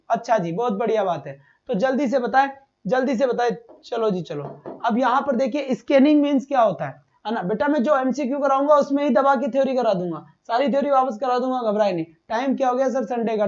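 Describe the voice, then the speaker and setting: A man teaching a live online exam-prep class, briskly quizzing his students and reading out and answering their chat comments. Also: very high-pitched, darkish tone, muffled recording.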